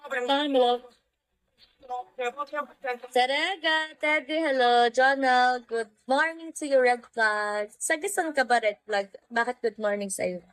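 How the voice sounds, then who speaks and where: A woman's voice: high voice, measured pace, hardly any pauses, a bit bright, no room sound, low-quality recording. A woman hosting a casual livestream, chatting and greeting viewers by name. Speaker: livestream host. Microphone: phone.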